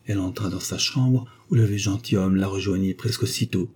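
A man narrating a classic novel in a measured, even storytelling way. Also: deep voice, husky. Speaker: audiobook narrator. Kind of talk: scripted literary narration.

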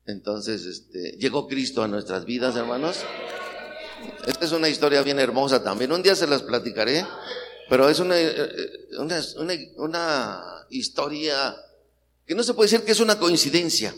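Speaking with a Mexican Spanish accent at normal speed, a middle-aged Mexican preacher stirs up his congregation with questions during a sermon. His medium-pitched voice is sing-song and a bit bright, heard with long reverb and faint noise in a church hall.

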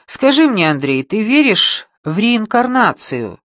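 A man playing a bitter, short-tempered man who shouts in anger. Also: high voice, very animated, a little slow, dry recording, studio quality, voice pushed up, full character voice. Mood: agitated. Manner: loud, shouting, gruff.

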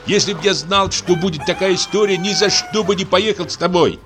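A man's voice: high-pitched, fairly quick, fairly bright tone, faint music behind, pitched above the performer's own voice. A man voicing a weary, thirsty, indignant man who grumbles in an audiobook. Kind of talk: audiobook character voice.

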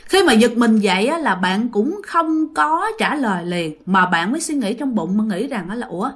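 A woman's voice: fairly high pitch, animated, moderate pace. A woman retelling a listener's ghost story in a chatty way, speaking straight to her listeners. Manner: chatty, addresses listeners directly.

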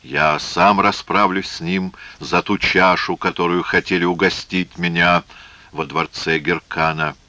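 A man's voice: low voice, fairly even intonation, a little slow, pushed and bright, no room sound, dull audio. A man voicing a commanding foreign prince who speaks curtly.

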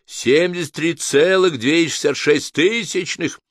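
A man voicing a computer announcer that calls out verdicts in a slow, loud, proclaiming way. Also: a little high, dry recording, studio quality, voice pushed up. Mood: booming.

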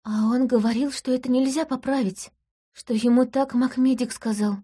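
A timid young woman, voiced by a woman, who stumbles over her words and stammers in fear. Her voice sits a little high, soft and hesitant. It is audiobook dialogue. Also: fairly even intonation, husky. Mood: frightened, stammering. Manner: stammering, halting.

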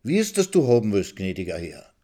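A man's voice: on the low side, wildly swooping pitch, brisk, dark tone. A man voicing an old woman who coaxes a client in a sugary, ingratiating voice. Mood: coaxing.

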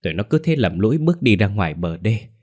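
A man's voice: lowish voice, big pitch swings, fast, darkish tone. A man voicing a frightened middle-aged mother, crying out about her daughter. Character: frantic middle-aged mother, tearful and shrill.

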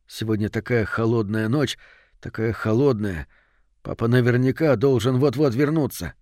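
A man's voice: medium pitch, normal speed, a little mellow, no echo, clean studio sound, natural voice. A man voicing a young village boy hoping his father comes home. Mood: hopeful.

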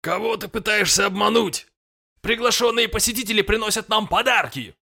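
A man's voice: high-pitched, brisk, gravelly, bright, forceful tone, pitched above the performer's own voice, full character voice. A man voicing brutish, suspicious griffin guards who bellow at intruders. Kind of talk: audiobook character voice.

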